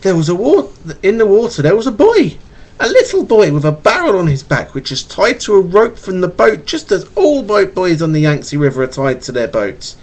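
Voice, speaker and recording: Reading a bedtime picture book to his child at normal speed, this father has a high voice with a darkish tone and big pitch swings. His stutter causes him to stumble and repeat words. A webcam microphone records him at home.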